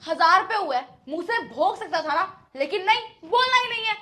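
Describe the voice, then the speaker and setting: A woman's voice: steady tone, a little slow. A woman acting a short-tempered housewife in a short drama who scolds sharply and later turns tearful with remorse. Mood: scolding. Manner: scolding, shrill, then tearful.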